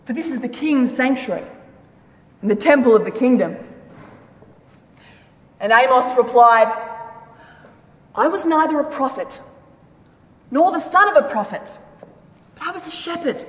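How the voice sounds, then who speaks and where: A woman with a high, lively voice gives a solemn, declamatory dramatic reading of scripture in church, her delivery emphatic and unhurried with frequent pauses. The recording is from an echoey hall with a long reverb.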